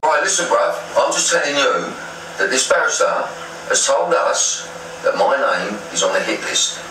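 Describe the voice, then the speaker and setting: A man, talking bluntly and haltingly in a casual interview, swearing freely. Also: medium pitch, big pitch swings. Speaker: interviewer and campaigner. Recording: roomy, distant mic, faint noise.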